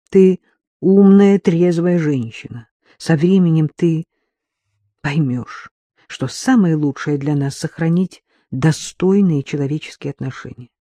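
A woman reads a middle-aged husband leaving his wife, justifying himself and then pleading. The voice is mellow and a little breathy, close and dry. It is an audiobook read in a soft, husky tone. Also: low voice, dry recording. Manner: defensive, pleading, voice rising and dropping.

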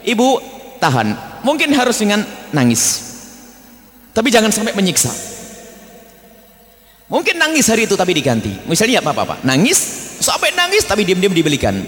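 A man preaching a religious study sermon, emphatic and blunt, sometimes scolding and sometimes gentle. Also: high-pitched, huge pitch swings, fairly quick, long pauses, in a large hall. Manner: emphatic, blunt scolding mixed with tender asides.

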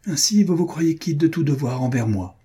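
An indignant, heartbroken woman pleads and reproaches her lover in impassioned bursts, as a male audiobook reader voices her. The tone is deep and mellow with a husky grain. It is a classic storybook read aloud. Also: animated, moderate pace. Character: wounded, furious woman confronting her lover. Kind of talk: audiobook reading of a classic novel.

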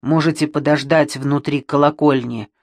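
A pompous wealthy father barks orders, furious and contemptuous, with slow, heavy emphasis, as a woman reading the audiobook puts him on. His lines are louder than the narration around them. The sound is dry and close. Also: sits low, steady tone, no echo.

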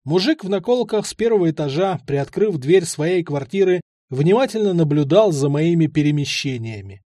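A man narrating a first-person story in an expressive, ironic way. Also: on the high side, normal speed, no room sound, studio quality. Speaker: audiobook narrator.

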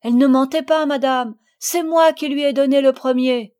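A woman reading aloud, voicing a gentle, kind-hearted young girl in a storybook, with a soft, pleading manner. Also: mid-range voice, brisk, natural voice. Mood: insistent.

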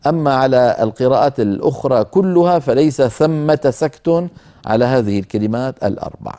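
Mellow-voiced male recitation teacher. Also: medium pitch, lively intonation. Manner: measured, explanatory, pauses to demonstrate recitation slowly. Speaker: Quran recitation teacher, program host. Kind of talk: televised tajweed lesson.

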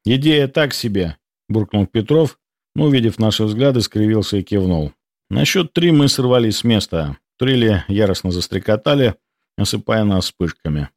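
Low expressive male audiobook narrator. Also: normal speed, no echo, clean studio sound. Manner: expressive first-person storytelling.

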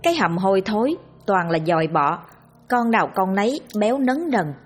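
A woman narrating a scripted horror story in a steady, grim, dramatic manner. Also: mid-range voice, normal speed, faint music behind.

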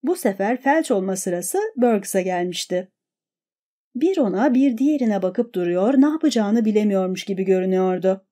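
A woman narrating a story in a steady, expressive audiobook reading. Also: medium pitch, normal speed.

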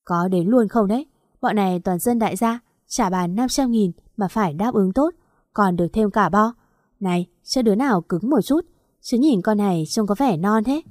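Woman reading bald male karaoke boss, forties, curt, gruff, bossy, storybook reading, mellow dry voice. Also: medium pitch, normal speed, no room sound, lightly acted. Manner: curt, ordering people about.

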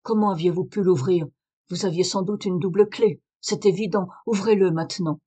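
A woman reader voicing a calm, authoritative male detective in a French audiobook, measured and firm. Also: on the low side, husky. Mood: brisk commanding. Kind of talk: audiobook reading of a detective story.

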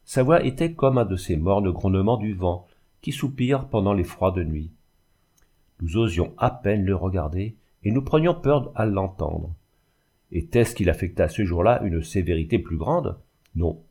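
A man reading a classic story aloud in a measured, expressive way. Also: low-pitched, husky. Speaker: audiobook reader. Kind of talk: scripted narration of a classic story.

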